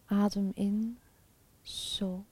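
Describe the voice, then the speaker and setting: A woman guiding a chakra meditation in a soft, calm, half-whispered spa-like voice with long pauses. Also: mid-range voice, husky, no echo. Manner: slow, calm, soothing, with pauses. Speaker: meditation guide.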